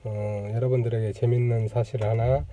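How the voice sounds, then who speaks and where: Speaking straight to his camera mic indoors during a lunch break, a channel host explains things at an easy pace in a very dark, mellow, mid-pitched voice with a flat delivery. He's thoughtful, pausing often and filling gaps with "uh" and "um," and he acts out the sounds he describes.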